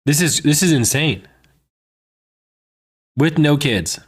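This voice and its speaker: His pitch is fairly high and expressive, with a breathy edge, and he talks slowly. He's a man in his thirties reading his livestream chat, wandering from thought to thought with plenty of "man" and "you know."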